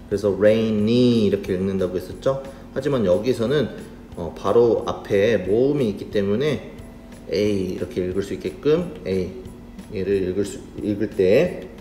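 A man teaching children English phonics in a slow, patient, friendly manner, spelling words out letter by letter. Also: lowish voice, mellow. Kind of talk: children's reading lesson. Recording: roomy sound with faint music.

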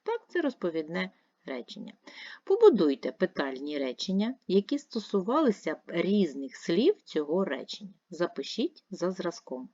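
Low-voiced woman teacher explaining patiently. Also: big pitch swings, moderate pace, warm tone, dry recording. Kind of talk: primary school video lesson. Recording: dull lo-fi dry recording.

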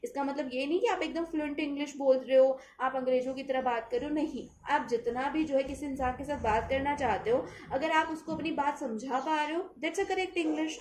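A woman teacher talks through a literary essay in a high voice, conversational and full of rhetorical questions. Her voice rings in an echoey room, with faint background noise. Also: brisk, hardly any pauses, a little mellow. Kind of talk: explaining a text in a lesson.

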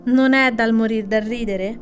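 A proud, mocking hare from a children's storybook, put on by a woman reading aloud. The voice sits high above the reader's own and comes out loud and teasing, with soft music far behind. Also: steady tone, unhurried, close to an everyday voice. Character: arrogant mocking female hare, boastful.

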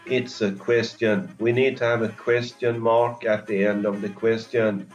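A male English teacher giving an online lesson to young learners, speaking slowly and deliberately and modeling pronunciation for them to repeat. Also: lowish voice, level tone, lo-fi sound.

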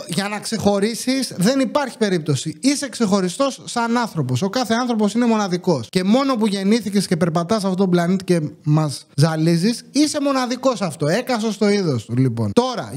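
A young man with a fairly high voice tells his story in a loose, chatty monologue. He talks a lot and mocks himself, slipping into his own past lines as quotes. It is casual storytelling, not a scripted read. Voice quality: talkative, animated storyteller. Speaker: YouTuber, channel host. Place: indoor room with his wife nearby.

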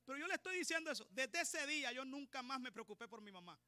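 A man preaching a sermon with fervor, building up to shouting. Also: very high-pitched, animated, quick pace, clear, resonant tone, no room sound.

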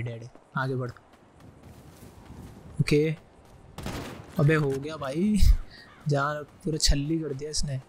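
A man giving live gameplay commentary, excitedly shouting quick callouts. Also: on the high side, slight background noise. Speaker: gaming YouTuber.

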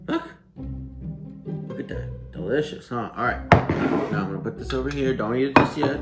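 A man's voice: medium pitch, a little fast. A young man chatting playfully to his pet in a coaxing, mock-serious way, recorded in a home kitchen from across the counter. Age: young adult. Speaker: pet owner making a dog video. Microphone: camera across the counter. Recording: roomy kitchen sound with music behind.

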